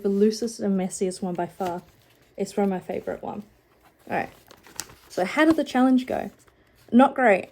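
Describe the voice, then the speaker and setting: A woman's voice: mid-range voice, dark tone. A young woman with a cold, nasal and sniffling, chatting casually and rambling about her sketchbook into a phone at home. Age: young adult. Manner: rambling, many "like"s, self-deprecating. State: sniffling, a bit out of breath. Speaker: art vlogger. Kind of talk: casual chat.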